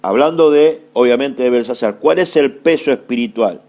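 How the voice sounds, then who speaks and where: A man's voice: mid-range voice, normal speed, a little mellow. A middle-aged Argentine man preaching a sermon with an Argentine accent, asking questions and answering them himself, repeating key phrases. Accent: Argentine Spanish. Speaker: apostle preaching.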